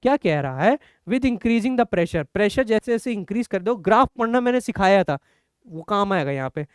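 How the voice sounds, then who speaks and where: A man's voice: high-pitched, expressive, normal speed, smooth, no room sound, clean studio sound. A man teaching chemistry, encouraging and explaining step by step with rhetorical questions. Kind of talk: online exam-prep lecture.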